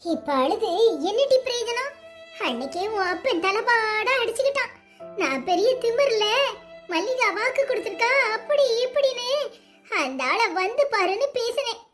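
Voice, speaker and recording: A woman's voice: very high voice, lively intonation, moderate pace, a bit bright, faint music behind. A woman voicing an anxious middle-aged village mother in a cartoon, lamenting in a Tirunelveli Tamil accent. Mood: fretful. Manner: fretful, lamenting.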